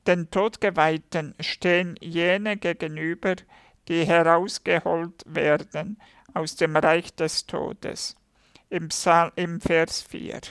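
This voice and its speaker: A radio presenter reads a psalm and a commentary on it at an unhurried, careful pace. The voice is gravelly and the sound is dry and close. The delivery is halting and deliberate, with the odd self-correction mid-phrase. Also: mid-range voice, flat delivery, fairly bright tone, no echo. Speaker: radio devotional reader. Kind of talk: slow devotional reading of scripture and commentary.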